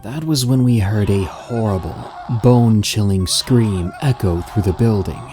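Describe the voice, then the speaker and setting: Low-voiced man narrating a horror story. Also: a little slow, over music. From Netherlands. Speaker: care worker.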